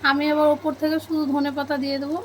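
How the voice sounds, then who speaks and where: Woman, cooking video narration, calm step by step, monotone delivery, slight kitchen ambience. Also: high voice, rapid-fire, a little hiss or hum. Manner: calm step-by-step narration, addresses viewers as friends. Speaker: cooking channel host.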